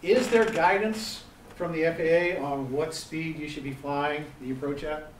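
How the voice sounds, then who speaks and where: A man's voice: fairly high pitch, measured pace. Middle-aged male instructor quizzing a room. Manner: quizzing the audience, emphatic repetition. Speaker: gliding safety instructor. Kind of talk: interactive seminar lecture. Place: seminar room. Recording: echoey room, distant mic, faint background noise.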